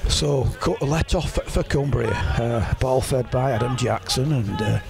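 Outdoors at a rainy rugby ground, a man does chatty play-by-play commentary on an amateur rugby league match, his voice climbing on the big plays. He has a mid-range, unhurried voice with vocal fry. Spectators and rain fill the background.

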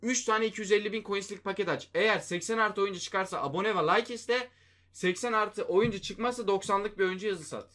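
A man hosts a mobile game video, giving casual commentary on his gameplay in a high, bright, forceful voice at a slightly fast clip. He's often exasperated, talking to himself and his viewers with mild swearing.

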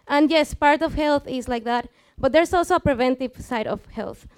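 With a high, clear and resonant voice at normal speed, a student in her twenties gives a public science talk, her Mexican accent reflecting Spanish as her first language. In a small lecture room she speaks live through a headset to the seated audience, explaining things informally and engaging them with questions.

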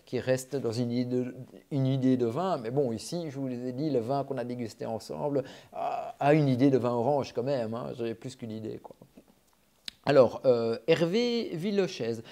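A man's voice: medium pitch, dark tone. A middle-aged man, a wine teacher answering viewers' questions on a live stream, full of fillers and restarts. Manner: hesitant, many fillers and restarts, chatty.

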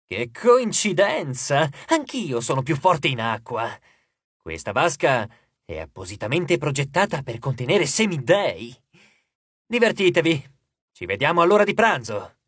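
A man's voice: very animated, unhurried, fairly bright tone, slightly rough, dry recording, full character voice. A man doing a gloating grotesque sea god. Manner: taunting, theatrical, booming.

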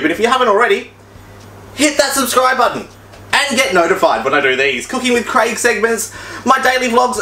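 A man's voice: high voice, bright, forceful tone, echoey room, poor audio. A man talking through a cooking demonstration, with chatty, upbeat, step-by-step instructions. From Australia. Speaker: cooking vlogger.

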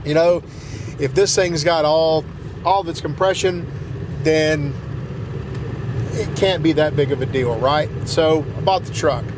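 A man's voice: fairly high pitch, measured pace, pauses often. A middle-aged man with a Southern US accent telling a long story while driving, rambling with many fillers and restarts, recorded by a dash camera in a pickup cab. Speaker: truck vlogger. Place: inside a pickup truck cab, driving in snow. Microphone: dash-mounted camera. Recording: road noise behind.

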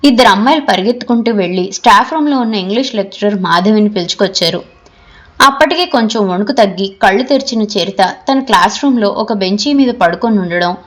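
With a medium pitch, a female audiobook reader narrates a novel, her storytelling measured yet expressive.

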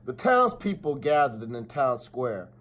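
A middle-aged school principal reads a children's story aloud in a small indoor office, recorded on a phone or webcam at arm's length. His mid-range voice is sing-song, a little slow and slightly bright, and his expressive reading has dramatic emphasis and the occasional stumble.

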